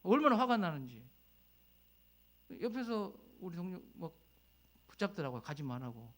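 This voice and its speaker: Korean pastor guy preaching, talks like telling a story, gets loud and emotional then goes almost whispery. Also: sits high, sing-song, normal speed. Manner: emotional, rising to loud fervent peaks; conversational storytelling, dropping to near whispers. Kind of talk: sermon with personal story.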